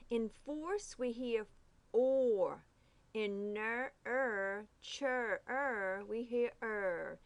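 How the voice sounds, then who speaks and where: A woman teaching a phonics lesson, carefully saying each letter sound and repeating it. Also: on the high side. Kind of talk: slow, deliberate phonics lesson.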